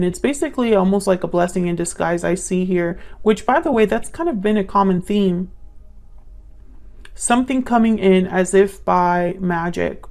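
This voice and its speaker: A woman's voice: medium pitch, darkish tone. A young woman reading tarot cards casually, musing aloud as she pulls cards. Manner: musing, thinks aloud while pulling cards. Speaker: tarot reader.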